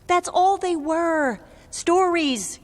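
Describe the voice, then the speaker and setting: Mother role for animation: practical, firm, high voice, reverberant sound. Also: very slow, heavily acted. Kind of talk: animated film voice acting.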